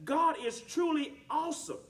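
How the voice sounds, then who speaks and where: A male pastor leading worship, singing and shouting praise and calling the congregation to repeat after him, with worship music behind. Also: extremely high pitch, very animated, normal speed, far from the mic. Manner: call-and-response exhortation, urging the congregation to repeat phrases; sings and shouts praise lines with fervor. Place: church service.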